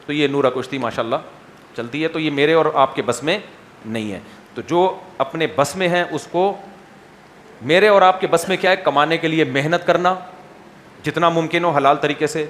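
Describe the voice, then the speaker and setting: A man with a Pakistani Urdu accent answering audience questions in a lively, teasing manner full of rhetorical questions. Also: a little high, a little hiss or hum. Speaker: Islamic scholar answering questions.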